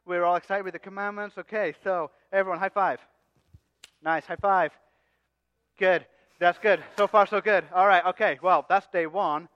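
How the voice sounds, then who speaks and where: A man's voice: sits high, smooth, lightly acted. A man playing Aaron as a cocky, joking leader who coaxes the crowd in a comic church skit. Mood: hyping crowd. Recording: dull sound with long hall reverb.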